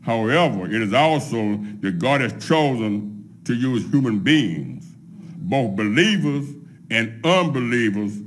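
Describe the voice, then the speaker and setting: A middle-aged man preaching a sermon from a pulpit, laying out his points one by one in a measured way. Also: medium pitch, expressive. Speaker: pastor. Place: church sanctuary at a pulpit, empty pews behind. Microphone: microphone on a pulpit stand.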